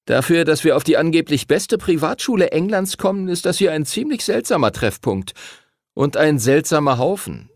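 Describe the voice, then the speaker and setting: A man's voice: a little high, big pitch swings, normal speed, no echo, studio quality, voice pushed up. A man voicing a burly red-haired bully boy in an audiobook, speaking in a sneering, taunting way. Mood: mocking. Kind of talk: audiobook character voice.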